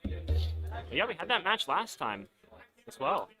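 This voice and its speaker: A man's voice: a little high, big pitch swings, takes it slowly, music in the background, low-quality recording. A young man co-commentating a robot combat event, laid-back and dry, his voice fading from a long day. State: losing his voice. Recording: cheering crowd behind.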